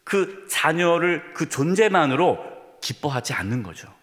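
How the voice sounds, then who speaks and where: A man's voice: fairly high pitch, sing-song, unhurried, fairly bright tone. A man preaching a sermon as pastor to his congregation, speaking to them directly and with emphasis, in a church sanctuary. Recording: long reverb of a church hall.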